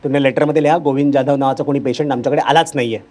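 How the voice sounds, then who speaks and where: A man's voice: medium pitch, very fast. A male stand-up comedian telling a story on stage, acting out the people in it. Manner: animated, acts out characters' lines. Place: stage before a live audience.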